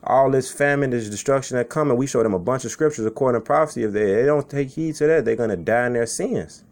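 A man's voice: mid-range voice, quick pace, darkish tone. A man from Chicago giving an informal sermon as a street preacher, reading scripture and talking it over in a loose, conversational way, often tagging lines with "man" and "okay".

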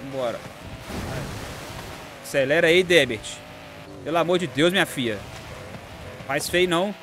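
A young Brazilian man with a Brazilian Portuguese accent, chatting excitedly and slangily while playing a racing game. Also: fairly high pitch, measured pace, music in the background. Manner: excitable, chatty, slangy, calls himself to calm down. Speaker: gaming YouTuber. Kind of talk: excited gameplay commentary. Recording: game audio noise behind.

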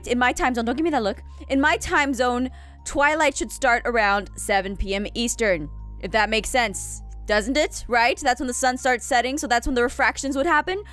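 Sassy, bumbling female defence lawyer acted by a woman, high voice, theatrical and halting, game role-play over music. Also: fairly bright tone. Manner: theatrical, halting, self-important. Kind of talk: improvised courtroom role-play.

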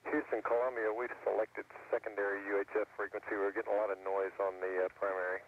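A man, an astronaut, calling mission control over a narrow-band spacecraft radio link, giving brisk, clipped readbacks in procedural radio talk. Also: fairly low pitch, level tone. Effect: narrow-band spacecraft radio transmission. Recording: tinny distant radio link from orbit.

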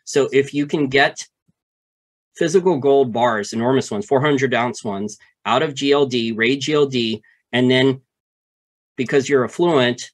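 A man co-hosting a finance podcast, walking through market mechanics step by step in a casual, animated way with frequent repeats. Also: mid-range voice, measured pace. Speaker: podcast co-host.

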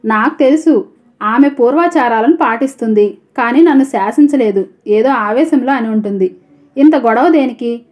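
A woman voicing a young husband who speaks in a measured, firm, reasoning way. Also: fairly high pitch, darkish tone, close to an everyday voice. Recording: dull lo-fi audio.

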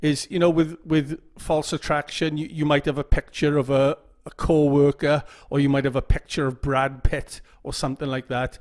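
Here the male YouTube OCD educator sounds a little high and darkish, with a flat delivery at normal speed and few pauses. It's a casual teaching talk to camera, marked by repeated phrases and regular "okay?" check-ins.

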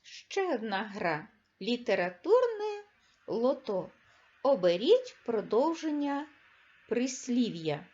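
A woman teacher reads aloud for young children in a high, lively voice that rises and falls a lot. She speaks slowly and deliberately, stressing each word. The recording sounds slightly dull and lo-fi. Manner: slow, clear, emphatic reading with stressed words. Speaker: primary school teacher. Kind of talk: reading lesson for young children.

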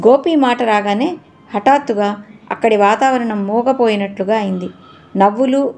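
A woman narrates an audio novel in a calm and expressive way. Her voice sits fairly high. The delivery is steady storytelling.

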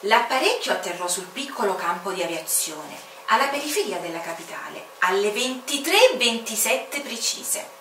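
A woman's voice: mid-range voice, big pitch swings, moderate pace, few pauses, bright, forceful tone, roomy sound, distant mic, slight background noise. A woman storyteller host reading a fairy tale aloud to children, speaking to the child directly in a coaxing way.

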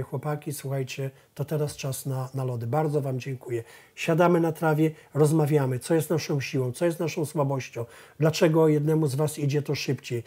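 A man's voice: a little high, mellow, slightly rough. A middle-aged man, a professor and therapist, talking in a studio interview and acting out family dialogues as he tells stories. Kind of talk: studio talk show interview.

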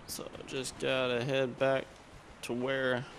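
A man gives slow, gravelly commentary on his gameplay, with clean little exclamations and self-deprecating asides. He hiccups now and then. Steady background noise runs under the recording. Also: medium pitch. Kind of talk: casual let's-play commentary.

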